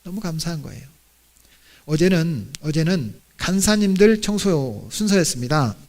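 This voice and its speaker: A man's voice: on the high side, animated, moderate pace, darkish tone. A middle-aged male pastor giving a sermon, telling the story with animation, acting out voices and asking the congregation questions. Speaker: senior pastor.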